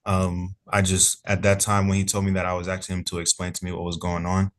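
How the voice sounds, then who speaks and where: A man's voice: sits low, completely flat delivery, fairly quick. A police officer testifying in court over a remote call, polite and hedging in his answers.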